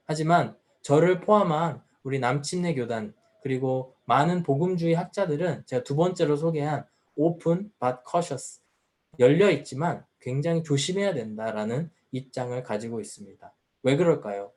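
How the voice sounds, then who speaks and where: A man's voice: fairly high pitch, moderate pace, darkish tone. A man preaching a sermon at a youth service as the pastor, earnest and full of rhetorical questions. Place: church.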